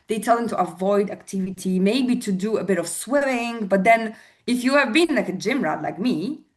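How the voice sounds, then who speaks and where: A woman's voice: medium pitch, expressive, moderate pace. A woman from Poland with a Polish accent, a fitness coach answering interview questions earnestly, with many fillers and restarts.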